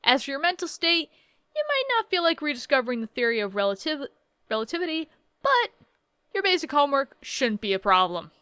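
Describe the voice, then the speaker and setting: A woman's voice: high-pitched, big pitch swings, brisk, pushed and bright, no echo, clean studio sound. A woman in her thirties casually reading game text aloud and adding wry, joking asides in a playthrough. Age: 30s. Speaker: let's play host.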